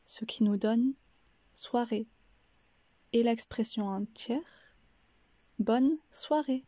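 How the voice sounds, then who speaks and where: A woman giving a careful pronunciation lesson, breaking each word into syllables in a soft, breathy delivery. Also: fairly high pitch, steady tone, slow pace, dry recording. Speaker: French pronunciation teacher.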